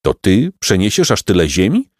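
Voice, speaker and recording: A man's voice: lowish voice, huge pitch swings, moderate pace, darkish tone, no echo, clean studio sound. A man voicing two curious young boys on a journey, who keep asking plain questions, in a storybook reading.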